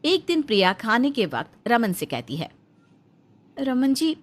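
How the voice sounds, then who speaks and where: A woman narrating a cartoon story in a lively, storytelling manner. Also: mid-range voice, moderate pace.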